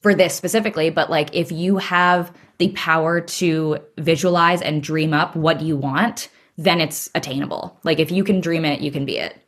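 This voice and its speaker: A woman's voice: sits low, steady tone, moderate pace, few pauses, a bit bright. A woman co-hosting a casual podcast chat, rambling with lots of filler words, talking from her home computer. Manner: chatty, rambling with many "like" fillers. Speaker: podcast co-host. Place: home at computer, dim room.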